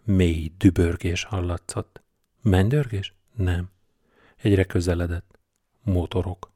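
A man narrating an audiobook in a measured, deadpan storytelling manner. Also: low-pitched, husky, no echo, clean studio sound. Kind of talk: scripted narration.

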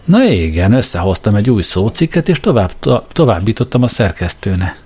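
A man's voice: on the low side, big pitch swings, mellow, breathy edge. A man voicing a worldly, matter-of-fact adult space traveller who speaks offhandedly. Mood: offhand.

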